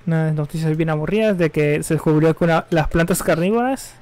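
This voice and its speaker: Young man, slightly high voice, offhand slangy rambling, live game stream chat. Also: brisk, a little mellow. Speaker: gaming streamer. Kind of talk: casual live-stream chat while gaming.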